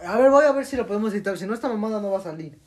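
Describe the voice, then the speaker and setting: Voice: medium pitch, animated, rapid-fire, over a noisy crowd. A Mexican speaker in casual, slang-heavy banter with friends, swearing freely and teasing crudely. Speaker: prank-call podcast host.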